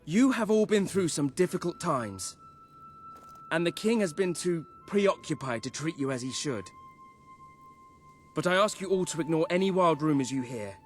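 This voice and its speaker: A man plays a young prince in a fantasy game. His fairly high voice is lively and expressive, formal and sincere, over light music. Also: lightly acted. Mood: earnest resolve. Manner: earnest, measured, formal. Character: sincere, reasonable young prince addressing subjects. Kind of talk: video game voice acting. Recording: background music.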